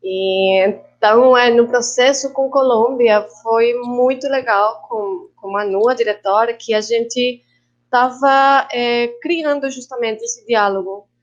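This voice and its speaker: A woman from Colombia with a Colombian Spanish accent, a guest filmmaker and actress on an online panel, who speaks reflectively and haltingly, slipping Spanish words into her Portuguese. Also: fairly high pitch, highs cut off.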